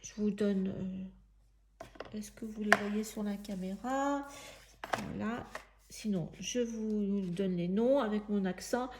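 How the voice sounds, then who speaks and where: A woman giving a casual step-by-step craft demonstration, thinking aloud in halting, searching phrases as she works. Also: medium pitch, heavy background noise. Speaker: craft tutorial presenter.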